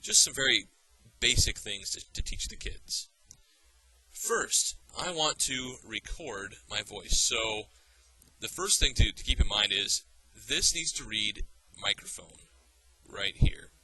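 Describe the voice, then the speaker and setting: A man teaching a software tutorial, explaining patiently step by step with small fillers and restarts. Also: lowish voice, animated, takes it slowly, breathy edge, no room sound, low-quality recording. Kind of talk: screencast tutorial.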